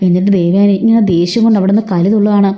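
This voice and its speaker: A woman's voice: mid-range voice, steady tone, racing, lo-fi sound. A woman casually retelling a serial's plot in a chatty way, adding little asides to her listeners. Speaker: storyteller recapping a serial.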